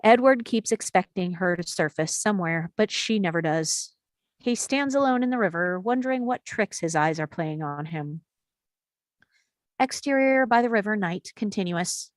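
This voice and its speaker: A woman reads stage directions aloud at a steady pace, with a middle-pitched voice. The sound is dry and close. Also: moderate pace, no room sound. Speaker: narrator reading stage directions. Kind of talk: table read narration.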